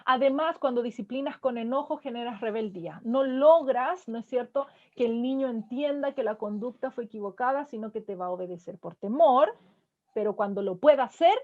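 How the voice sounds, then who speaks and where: A woman's voice: a little high, brisk. A woman counselor giving a parenting lecture to an audience, checking in with her listeners again and again through short tag questions. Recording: dull lo-fi sound.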